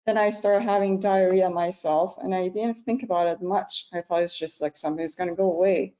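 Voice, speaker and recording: A middle-aged woman from Iran, a physician, giving an earnest personal talk over a video call, pausing often with ums. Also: fairly low pitch, steady tone, mellow, low-quality recording. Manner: earnest, halting with frequent ums. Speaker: physician speaker.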